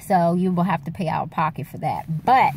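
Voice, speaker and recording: A woman in her forties chats loosely into a phone held close, her voice sitting a little low. She rambles from thought to thought in a relaxed, candid way, talking straight to her followers. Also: a little fast, vocal fry, noisy background. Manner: rambling, candid, addresses viewers as y'all. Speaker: vlogger. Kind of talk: casual chat to camera. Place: dark room at night. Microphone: phone camera held close.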